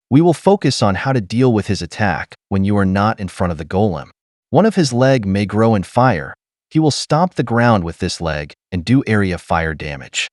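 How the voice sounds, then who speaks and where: A man giving scripted game walkthrough narration, explaining steps in a steady, instructional way. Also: lowish voice, no echo, studio quality.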